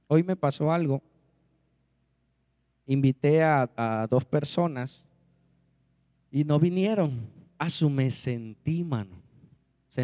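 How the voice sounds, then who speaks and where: A man with a Mexican accent preaches a sermon, emphatic and often checking in with the congregation. His voice sits a little high and swings between forceful lines and soft, dropped phrases. The recording is dry and thin, with a narrow phone-like sound. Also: no room sound. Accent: Mexican Spanish. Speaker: pastor.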